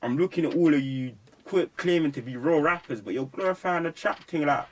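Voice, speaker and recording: His voice on the high side and brisk, a young rapper being casually interviewed talks in a London roadman accent loaded with street slang. He's emphatic and preachy, recorded through a slightly distant microphone.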